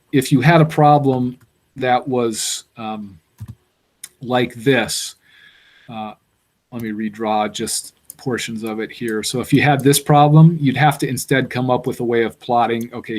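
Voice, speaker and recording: A man's voice: mid-range voice, steady tone, unhurried. A man giving a university engineering lecture, explaining step by step and thinking aloud with fillers.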